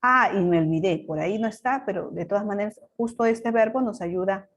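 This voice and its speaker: Patient teacher. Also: female voice, mid-range voice, fairly quick. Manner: patient, explains step by step with check questions. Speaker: English teacher. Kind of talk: recorded online lesson.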